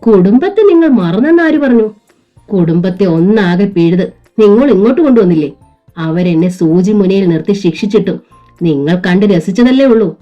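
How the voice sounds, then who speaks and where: A woman's voice: on the low side, warm tone, natural voice. A woman voicing a defiant wronged mother. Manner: tearful, indignant pleading. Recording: dull lo-fi with faint music.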